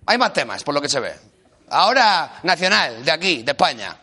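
A man doing a playful, mock-serious stand-up comedy bit with quick jokey asides. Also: on the high side, very animated, pushed and bright. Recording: live stage with audience laughter and noise. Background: audience laughing.

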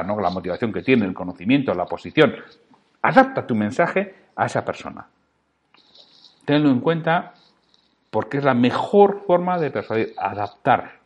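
A man's voice: medium pitch, lo-fi sound. A man with a Spanish accent hosting a solo podcast, speaking directly and emphatically to the listener as he teaches sales.

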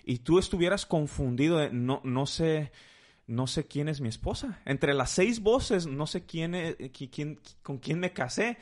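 Lively Mexican man teaching with examples. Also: fairly high pitch, unhurried. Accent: Mexican Spanish. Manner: animated, teaching with playful examples. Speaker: guest speaker.

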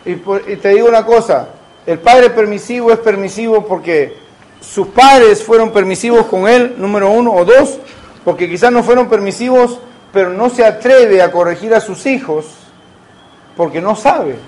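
A man's voice: high voice, moderate pace, a little mellow, rough recording. A man, preaching a sermon as a pastor and asking the congregation rhetorical questions.

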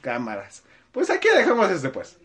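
A man's voice: high-pitched, wildly swooping pitch, moderate pace, a bit bright, slightly rough. A man with a Mexican accent co-hosting a casual comedy podcast, laughing often. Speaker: podcast co-host.

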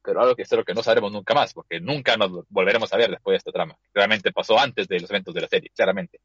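A man's voice: fairly low pitch, very fast, a bit bright, breathy edge, no echo, dull audio. A man hosting a casual chat, animatedly retelling an anime episode and acting out the characters' lines. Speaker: podcast host.

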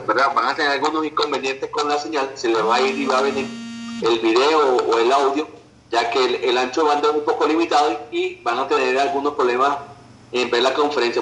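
A Venezuelan man gives a persuasive online business presentation, frequently checking in with "ok," "right," and "verdad." His mid-range voice has a fairly bright tone, but the low-quality recording is echoey with a little hiss or hum.

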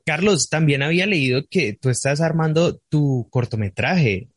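A man's voice: fairly high pitch, animated, moderate pace, slightly rough, dry recording, clean studio sound. A man from the south of Colombia with a southern Colombian accent, interviewing a guest casually and laughing easily.

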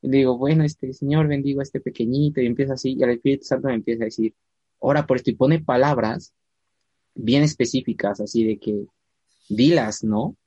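A man's voice: medium pitch, no room sound, muffled recording. A man telling a church testimony in a casual chat, acting out the voices of people in his story. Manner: animated storyteller, acts out quoted voices, slows down for emphasis.

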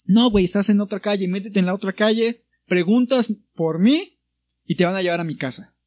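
The recording has no room sound as a young man co-hosting a casual podcast tells a story, his brisk voice sitting high. With a Mexican Spanish accent, he animatedly acts out each person he quotes.

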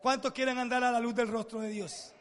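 A man's voice: extremely high pitch, level tone, brisk, fairly bright tone, faint music behind. A man preaching a sermon to his congregation as pastor, emphatic and drawing out long lists of words. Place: church hall. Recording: long church reverb.

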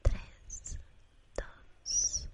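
Slow whispering Rioplatense woman, soothing sleep-narrator role-play. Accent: Rioplatense Spanish. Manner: slow, soothing sleep-narrator delivery with gentle repetition and diminutives. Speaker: ASMR performer giving a pampering spa treatment.

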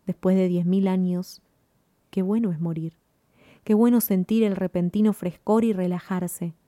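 A woman narrating a story in a measured, even reading. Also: fairly low pitch, no echo, studio quality.

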